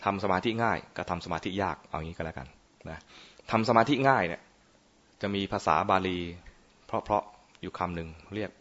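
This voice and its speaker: A man's voice: sits low, normal speed, fairly bright tone. A man, a Buddhist monk, giving an informal dharma talk on meditation in a playful, teasing way, often quizzing his listeners. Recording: muffled lo-fi recording.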